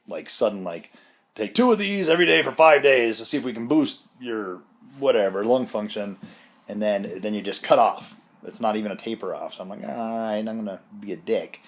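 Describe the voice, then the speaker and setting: Low-voiced man, sick with a chesty cough. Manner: rambling, self-deprecating. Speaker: vlogger giving a health update. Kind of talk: casual personal update.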